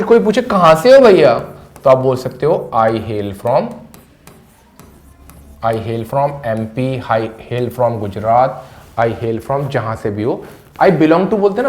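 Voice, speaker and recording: A man's voice: medium pitch, darkish tone, a little hiss or hum. A man teaching English vocabulary in a Hindi-accented voice, repeating each word several times in front of a classroom board. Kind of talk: vocabulary lesson to camera.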